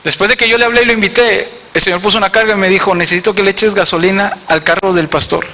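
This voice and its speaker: A man's voice: high-pitched, fast. A man with a northern Mexican accent, a pastor telling a story in a sermon and speaking straight to his congregation. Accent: northern Mexican Spanish. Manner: storytelling, animated, addresses congregation directly. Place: church hall. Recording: reverberant church hall.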